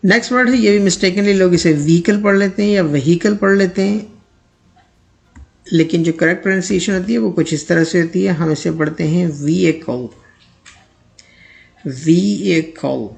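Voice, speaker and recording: A man teaching English pronunciation in a lesson, speaking, who repeats each word slowly and then reads out an example sentence. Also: high-pitched, gravelly.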